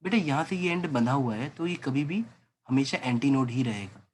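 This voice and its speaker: A physics teacher lectures a class at a moderate pace, his mid-range voice full of lively intonation. He coaxes students along, calls the listener "beta," and voices their doubts as questions.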